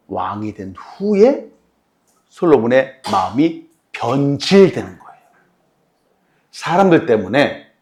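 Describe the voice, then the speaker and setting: A man's voice: medium pitch, darkish tone. A male pastor preaching a sermon with rhetorical questions to the congregation.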